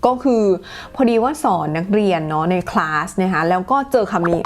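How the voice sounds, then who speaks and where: A woman's voice: fairly low pitch, animated. Chatty woman teaching pronunciation. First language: Thai. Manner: chatty, models words slowly and clearly. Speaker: English teacher. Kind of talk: casual pronunciation lesson.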